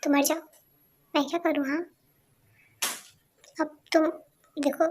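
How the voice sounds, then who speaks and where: High-pitched girl reading a fan drama. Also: flat delivery, takes it slowly, a little mellow, a little hiss or hum. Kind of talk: fan audio drama, one reader for all roles.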